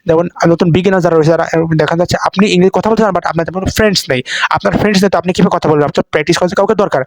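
A young man with a Bangladeshi accent giving advice on learning English in a casual talk to camera, talking in quick repetitive runs and mixing in English words. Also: sits high, dry recording.

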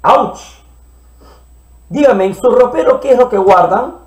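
A man teaching children to read, playfully sounding out syllables slowly and repeating them. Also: very high-pitched, lively intonation, darkish tone, echoey room. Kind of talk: early reading lesson for children.

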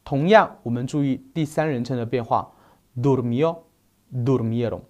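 A man teaching a recorded grammar lesson, slowly listing verb forms one by one. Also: medium pitch, darkish tone. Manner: slow, deliberate, spells out verb forms one by one. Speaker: Spanish teacher.

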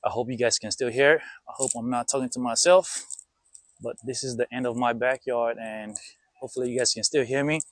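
A man's voice: mid-range voice, steady tone, fairly quick, no room sound. A man casually reviewing a gadget outdoors in his backyard, chatty and rambling with lots of fillers, his voice carrying noise reduction artifacts from a wireless clip-on mic. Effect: noise reduction artifacts from the mic's noise cancellation. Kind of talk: casual product review vlog. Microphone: small wireless clip-on mic.

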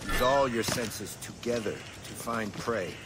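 An actor playing a serious male frontier hunting instructor who talks in a solemn, measured way. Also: on the low side, noisy background, close to an everyday voice.

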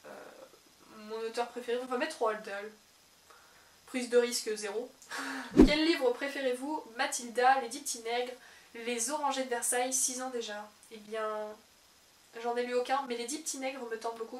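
A woman's voice: a little high, fairly even intonation, moderate pace. A young adult woman who runs a book channel, chatting casually and laughing often as she works through online quizzes. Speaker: book vlogger. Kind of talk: casual chat while taking online quizzes. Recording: echoey room with faint hiss.

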